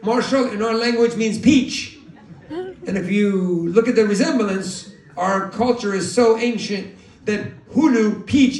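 A male stand-up comedian doing loud, animated crowd work, acting out voices. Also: high voice, background noise. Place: large theater with live audience. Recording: roomy hall audio from far off, crowd laughter.

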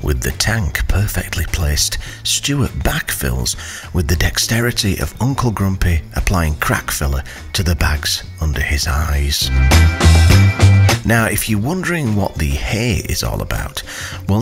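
A man's voice: extremely low pitch, sing-song, a little slow, music in the background. A man giving scripted voice-over narration with dry, wry humor.

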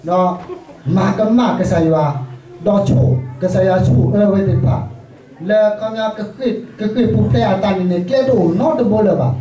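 A man preaches to his congregation in a loose, conversational way. His voice sits a bit high for a man yet sounds dark and soft-edged. The recording is echoey, as if captured in a church sanctuary from well back. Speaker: pastor. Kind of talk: sermon. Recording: echoey church hall, mic far off.

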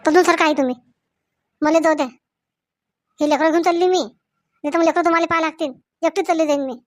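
A stubborn young village wife, played by a woman, pleading and quick to flare up in a Varhadi Marathi accent. Her voice sits high and the recording is dry and close. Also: fairly even intonation, no room sound. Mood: upset. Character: young daughter-in-law, stubborn and fed up. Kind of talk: comedy sketch acting.

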